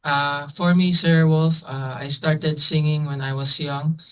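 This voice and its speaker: A man's voice: fairly high pitch, level tone, measured pace, a bit bright, clear, resonant tone, rough recording. A man in his twenties from the Philippines, a band's frontman, answering interview questions politely. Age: 20s. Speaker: band frontman and guest. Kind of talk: casual interview.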